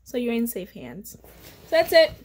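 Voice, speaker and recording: At home in her living room, a young woman vlogging about her faith speaks to the camera with casual devotional encouragement. Her slightly high, slightly mellow voice swings widely in pitch and runs a little slow, and she is earnest and chatty with many fillers. A faint hiss or hum sits in the recording.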